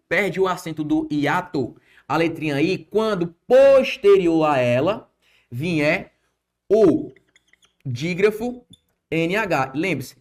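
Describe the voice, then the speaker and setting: A man with a Brazilian Portuguese accent teaching an exam-prep grammar lesson, quizzing the viewer with rhetorical questions. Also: a little high.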